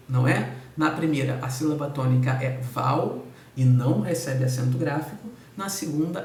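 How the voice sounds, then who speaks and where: A Brazilian man teaches a recorded lesson, going through each point in order and checking in with the class after every one with "tudo bem?" and "tá?". His voice is a little high for a man and slightly mellow. He sounds distant from the mic in an echoey room, with faint noise underneath.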